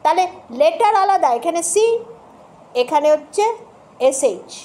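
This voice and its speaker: In this spoken lesson, a woman patiently works through English pronunciation, spelling each word out letter by letter, repeating sounds, and regularly checking her listeners understand. She has a very high-pitched, warm voice with lively intonation and an unhurried pace.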